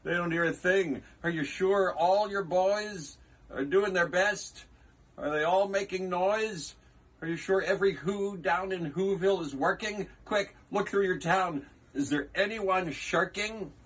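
Storybook elephant, big-hearted and earnest, high husky voice calling out emphatically, acted by a man. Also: takes it slowly. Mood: urgent encouragement. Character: big kind earnest elephant, pleading and urgent.

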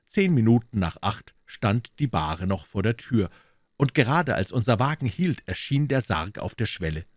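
A man narrating a classic detective story as an audiobook reader, in a measured, dramatic way. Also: fairly low pitch, big pitch swings, no room sound, clean studio sound.

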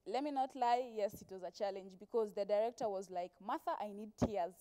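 Fairly quick and medium-pitched, her voice sounds mellow and clean. This Kenyan actress in her twenties is a TV interview guest on a studio sofa, casually telling stories with quoted speech, recorded via a clip-on lapel mic.

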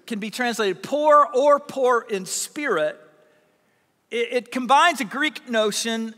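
High bright-voiced guy preaching, goes quiet then loud, big echoey church. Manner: swings from hushed intimate lows to loud emphatic peaks. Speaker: pastor. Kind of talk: sermon. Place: church sanctuary. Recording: church hall reverb.

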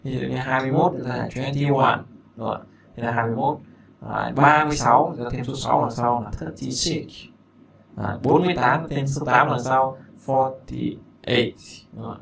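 Gravelly-voiced male English teacher. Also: mid-range voice, fairly even intonation, crowd noise. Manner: repeats and slows English phrases, then glosses them; chatty, joking asides. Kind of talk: language lesson explaining a listening exercise.

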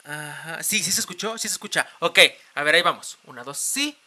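Bright-voiced Mexican streamer, playful. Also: male voice, fairly high pitch, expressive, brisk. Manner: playful, dramatic, shrieks and swears often. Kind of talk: casual live stream chat.

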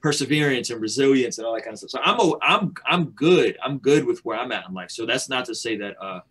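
A man in his thirties on a video call, talking fast and animated, gesturing as he makes his case from a small room. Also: medium pitch, breathy edge. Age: 30s. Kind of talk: casual debate on a video call.

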